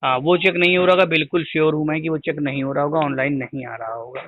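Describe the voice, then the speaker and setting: A teacher patiently explaining to a caller over a crackly cordless phone line, repeating his points until they are clear. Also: a little high, fairly even intonation, fast talker, crowd noise. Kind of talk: phone call advice. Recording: tinny, noisy phone line.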